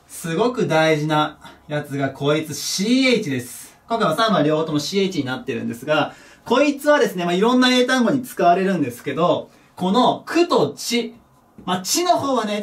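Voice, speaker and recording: A man teaching a recorded English pronunciation lesson, animated, dropping low to repeat example words. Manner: lively, drops to a low murmur for example words. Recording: voice a bit distant from the mic.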